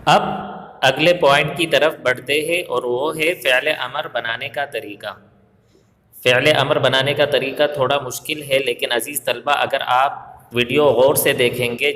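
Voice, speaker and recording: A male Arabic grammar teacher with a Pakistani Urdu accent, giving a recorded video lesson step by step, asking and answering his own questions and slowing down to recite examples. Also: mid-range voice, pushed and bright. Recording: echoey room with long reverb.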